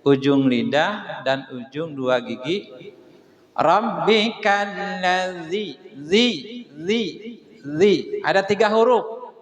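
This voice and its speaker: A man's voice: on the high side, slow. A man teaching a Quran tajwid lesson, drilling syllables over and over for a group to repeat. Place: mosque hall. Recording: echoey mosque hall.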